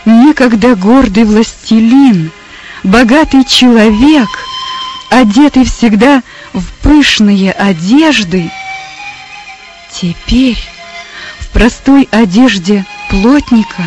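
A woman narrating a moral story in a slow, measured storybook reading. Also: on the high side, darkish tone, faint music behind, low-quality recording.

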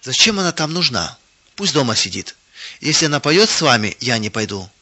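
A man's voice: medium pitch, very animated, a little fast, bright, forceful tone, highs cut off. A man reading the lines of a sulky, jealous young girl in a grumbling tone. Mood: indignant.

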